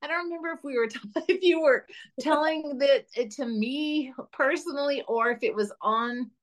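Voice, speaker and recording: A woman hosting a casual talk show, rambling with lots of fillers and warm praise. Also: high voice, moderate pace. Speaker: host. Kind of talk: casual chat.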